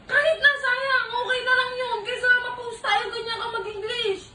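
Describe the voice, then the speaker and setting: A woman's voice: extremely high pitch, fairly even intonation, moderate pace. A woman scolding and coaching her partner from the side, exasperated and laughing as she talks. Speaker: vlogger's partner. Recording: echoey room, far from mic, loud noise.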